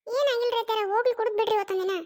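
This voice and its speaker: A performer voicing a pestering cartoon daughter-in-law, squeaky high. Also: steady tone, racing, darkish tone. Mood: coaxing. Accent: North Karnataka Kannada. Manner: coaxing, pleading, insistent. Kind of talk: cartoon voice acting.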